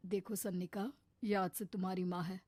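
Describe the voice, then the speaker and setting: A woman's voice: lowish voice, fairly even intonation, normal speed, very noisy, natural voice. A woman voicing a firm middle-aged husband and father who scolds matter-of-factly in a cartoon story.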